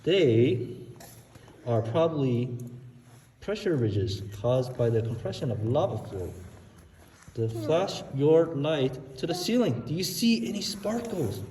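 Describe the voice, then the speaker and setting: A man touring a dark lava tube cave, reading the signs aloud and teasing with fake scares. His voice carries the cave echo. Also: medium pitch, big pitch swings, slow, slight background noise. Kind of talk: casual tour chat, reading signs aloud. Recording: echoey cave with long reverb.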